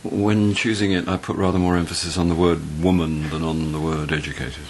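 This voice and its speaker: An actor playing a weary, wry older university tutor in a radio drama, talking in a hesitant, dry, halting way. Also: male voice, low voice, level tone, slight background noise.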